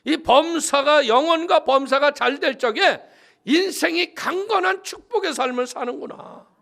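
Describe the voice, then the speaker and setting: A man's voice: very high-pitched, normal speed, gravelly, a bit bright. A male pastor preaching a sermon, telling a story with lots of animation and acting out the voices of the people in it.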